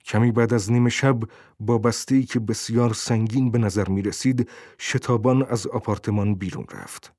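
A man narrating a novel in a steady, measured way as an audiobook reader. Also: medium pitch, dry recording, clean studio sound. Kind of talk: scripted narration.

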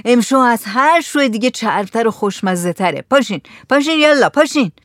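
A woman's voice: a little high, animated, dry recording, clean studio sound, natural voice. Woman doing a bossy male cook. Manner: bossy, urging. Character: pushy male cook serving food.

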